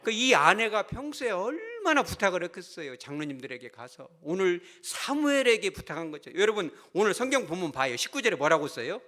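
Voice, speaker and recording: A man's voice: high voice, very animated, a little fast, few pauses, bright, forceful tone. A male pastor preaching a sermon, telling a story with animation and putting questions to the congregation.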